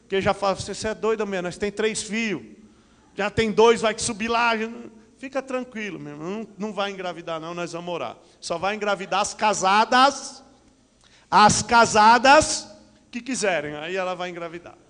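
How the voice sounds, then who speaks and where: Middle-aged Brazilian pastor in a reverberant hall. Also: male voice, sits high, normal speed. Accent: Brazilian Portuguese. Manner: animated preaching with frequent amens and hallelujahs, paces the stage. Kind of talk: church announcements and sermon. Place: large church hall with curtains and stage. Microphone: handheld microphone.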